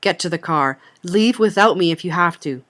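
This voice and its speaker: A woman's voice: on the low side, expressive, moderate pace, a bit bright. A young woman reading a memoir aloud, voicing a frightened middle-aged mother who gives urgent commands.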